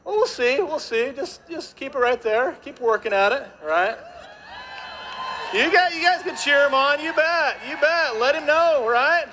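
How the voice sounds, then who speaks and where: A man presenting on stage to a live audience, energetic and jokey, working the crowd with constant tag questions. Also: very high voice, unhurried, slight background noise.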